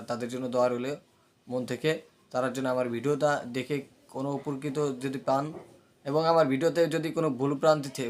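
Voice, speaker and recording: A man giving a pronunciation lesson who repeats letter sounds aloud, keeps checking that listeners follow, and has a slight hesitancy in his speech. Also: mid-range voice. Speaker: teacher of Arabic letter pronunciation.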